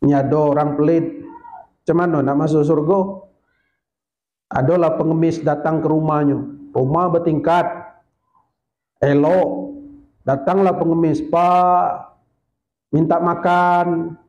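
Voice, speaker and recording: A man preaching a sermon, telling stories in a lively way and reciting Arabic verses. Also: fairly high pitch, a little slow, long pauses, muffled recording.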